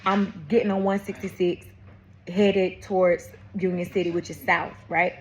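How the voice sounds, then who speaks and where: Speaking at a normal speed in a lowish voice, a woman from Atlanta, USA tells her faith testimony in a casual vlog. She addresses viewers directly as y'all and baby, and her animated storytelling is full of restarted sentences.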